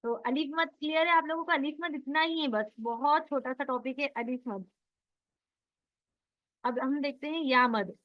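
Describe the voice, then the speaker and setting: A woman's voice: sits high, normal speed, dull audio. A woman teaching Quran recitation in an online class, patiently drilling sounds and quizzing her students.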